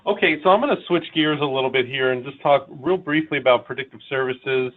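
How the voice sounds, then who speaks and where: A man presents over a video call, his mid-pitched voice squeezed into thin, phone-like audio. He speaks as a meteorologist walking through slides, halting often and restarting. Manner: halting, many uh and um pauses. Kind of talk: webinar presentation.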